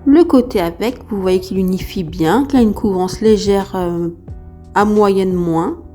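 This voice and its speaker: Woman, casual beauty review, chatty and enthusiastic, dark relaxed tone, unsteady voice giving out from a cold, light background music. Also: mid-range voice, a little slow. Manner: chatty, enthusiastic, repetitive emphasis. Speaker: beauty vlogger. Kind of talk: casual product review to camera.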